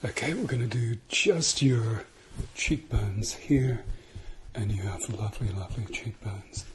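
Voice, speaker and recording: British man in soft ASMR ASMR role-play. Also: fairly low pitch, measured pace, a little hiss or hum. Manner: soft-spoken, slipping into speaks softly, instructing and reassuring.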